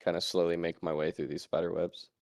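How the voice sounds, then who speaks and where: A low-pitched man speaks as a player at a tabletop game. The sound is dry and close. He talks his ideas through in a thoughtful, searching way. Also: level tone, quick pace, a little mellow, no echo. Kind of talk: casual tabletop play.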